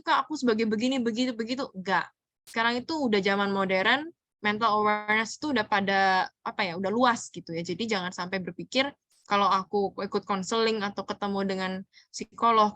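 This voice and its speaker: A woman's voice: a little high, bright, forceful tone, dry recording. A woman giving casual coaching advice in a webinar, mixing in English words. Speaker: speaker answering audience questions on mental health. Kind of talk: informal webinar talk.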